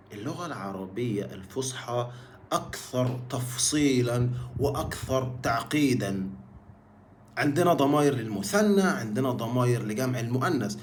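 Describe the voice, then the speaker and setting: A man with a Cairene Egyptian accent teaching an online Arabic lesson, lively and playful, stretching out example words. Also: fairly high pitch.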